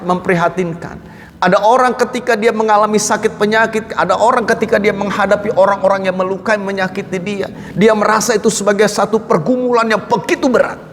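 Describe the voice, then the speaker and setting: Male pastor, fairly high voice, emphatic sermon delivery, long hall reverb. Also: slight background noise. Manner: emphatic preaching, often addressing listeners as brothers and sisters. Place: church hall.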